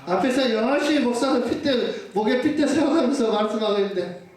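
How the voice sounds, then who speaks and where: High-voiced male preacher in an echoey hall. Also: animated, brisk, a little mellow, slight background noise. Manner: asks the congregation rhetorical questions and answers them; urges listeners to say amen. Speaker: pastor. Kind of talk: sermon. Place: church sanctuary. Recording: echoey church hall from far off.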